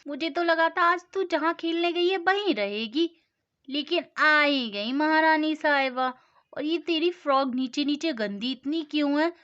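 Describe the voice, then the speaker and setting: A woman voicing a strict but loving mother who scolds loudly, in a storybook doll-play story. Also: high-pitched, measured pace. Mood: sarcastic. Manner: loud, scolding. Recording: dull lo-fi sound.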